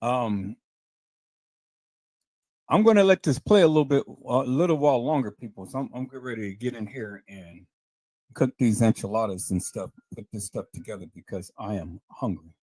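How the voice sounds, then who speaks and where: A man's voice: mid-range voice, moderate pace, darkish tone, no room sound. A man hosting a casual livestream, rambling and repeating himself as he talks straight to his viewers. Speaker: livestream host.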